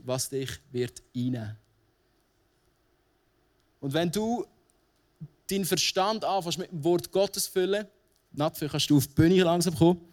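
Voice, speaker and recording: Swiss German pastor preaching, high voice. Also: male voice. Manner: casual, conversational preaching with frequent rhetorical questions. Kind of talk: sermon.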